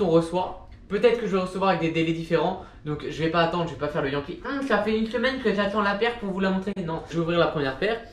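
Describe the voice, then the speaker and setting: This fairly high-voiced guy in his twenties chats loosely about sneakers for his vlog, wandering off topic and poking fun at himself. The room echoes, with a machine humming nearby and soft music in the background.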